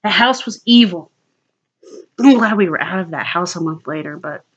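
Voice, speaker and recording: A woman's voice: on the low side, animated, moderate pace, husky. Woman, casual storytelling, rambling, curses a lot, muffled lo-fi sound. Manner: swears freely, rambling and restarting. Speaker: vlogger.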